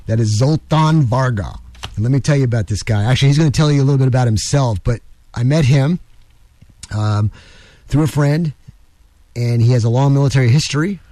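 A man's voice: medium pitch, fairly quick, warm tone, no room sound. Jokey, rambling male radio talk-show host. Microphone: studio microphone.

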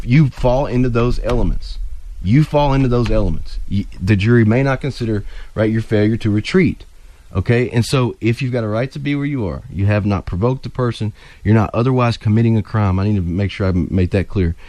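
A man speaks as an attorney guest on a call-in radio show, explaining the law in an earnest, repetitive way. His voice sits in an ordinary middle pitch. The studio sound is close and dry. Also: darkish tone, no room sound. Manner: earnest, repeats and restarts to stress points.

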